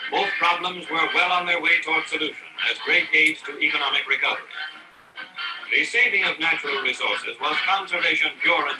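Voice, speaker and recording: Old newsreel narrator, distant and echoey. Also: male voice, fairly high pitch. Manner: formal, declamatory. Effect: old newsreel soundtrack. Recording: echoey, distant old film soundtrack with music. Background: music.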